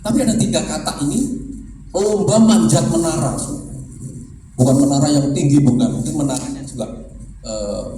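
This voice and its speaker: A man preaching a lively sermon to a congregation, asking them questions and rising high when he quotes people crying out. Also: slight background noise. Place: church service. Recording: echoey room from far off, music behind.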